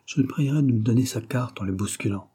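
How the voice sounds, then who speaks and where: A man voicing a big, brash young man who talks bluntly and provokes others with mocking calm. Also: mid-range voice, quick pace, husky, lightly acted. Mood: scornful.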